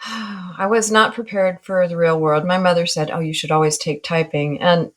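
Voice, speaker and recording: A Northern California woman in her sixties, a guest artist, speaks in a relaxed interview, reflective and wry and laughing at herself. Her voice is on the low side, with fairly even intonation and normal speed.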